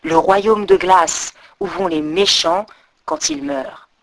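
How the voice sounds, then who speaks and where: A woman's voice: medium pitch, expressive, slow, vocal fry. A woman voicing a mocking, boastful male squirrel in a storybook tale. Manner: taunting, boastful.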